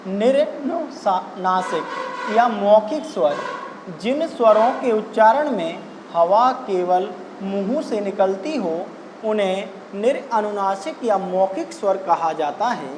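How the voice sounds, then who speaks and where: A woman teaching a Hindi grammar lesson for exam preparation, explaining step by step with deliberate pauses. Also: mid-range voice, animated, noisy background. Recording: echoey room with long reverb.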